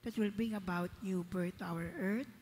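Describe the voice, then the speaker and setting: Female church lector, Filipino accent. Formal, solemn, slightly rough-edged voice in deep cathedral reverb. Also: steady tone, normal speed, darkish tone. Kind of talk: formal read prayer and church announcement. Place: large church, through sound system. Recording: echoing church with long cathedral-like reverb, husky sound.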